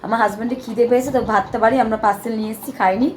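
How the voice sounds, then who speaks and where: A young woman with a hoarse voice, chatting to her viewers in a rambling vlog. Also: on the high side, fairly even intonation, rapid-fire, darkish tone, a little hiss or hum. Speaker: vlogger. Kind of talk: casual vlog narration to camera.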